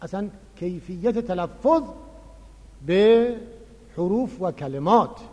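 A man delivers a religious lecture in a fairly high voice. He explains his points with animated emphasis. The recording has a long hall reverb behind him. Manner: explanatory, animated, acts out quoted dialogue. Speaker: lecturer on Quran recitation.

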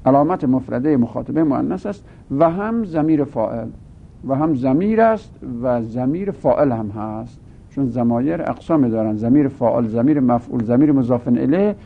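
A man teaching a grammar lesson, asking and answering his own questions and drawing out his words. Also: expressive. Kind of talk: grammar lesson, explaining step by step. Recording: gravelly voice on a tinny phone-like line with faint rumble.

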